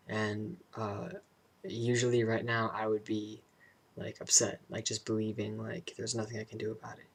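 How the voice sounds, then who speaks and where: A young man talking casually and introspectively about personal matters in a vlog, halting and searching for his words. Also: lowish voice, gravelly. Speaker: vlogger.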